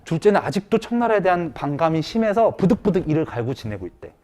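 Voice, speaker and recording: Guy teaching history, tells it like a story, high voice that jumps all over. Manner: animated, acts out characters in quick asides. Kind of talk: casual storytelling lecture.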